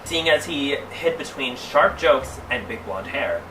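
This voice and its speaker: A man recorded away from the mic with clear background noise. He has a sassy drag queen manner, reading a story aloud for comedy. He stretches words for theatrical emphasis and breaks into casual, mock-scandalized asides. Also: mid-range voice, lively intonation, unhurried. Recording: roomy, distant mic, clearly noisy background.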